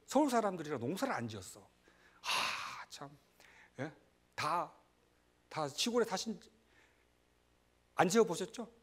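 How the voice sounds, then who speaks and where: A middle-aged man preaching a sermon as pastor, conversational and animated, breaking into shouts and laughter. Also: sits high.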